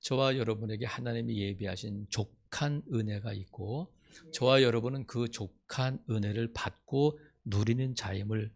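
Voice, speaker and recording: A male pastor preaching a sermon with passion, acting out the voices in his stories and building to loud, emphatic peaks. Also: mid-range voice, moderate pace. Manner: acts out quoted voices in storytelling.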